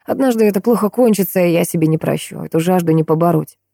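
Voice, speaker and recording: A woman voicing a tormented young male vampire, speaking slowly and wearily. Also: vocal fry, mellow, no room sound, clean studio sound. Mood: resigned. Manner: low, slow and weary.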